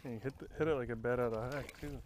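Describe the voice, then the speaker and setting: Fast-talking man calling across a boat. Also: medium pitch, fairly even intonation. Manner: calls out loudly from across the boat. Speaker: fishing partner. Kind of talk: casual chat. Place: small fishing boat on a lake, outdoors. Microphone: camera several feet away. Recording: distant, noisy outdoor camera audio.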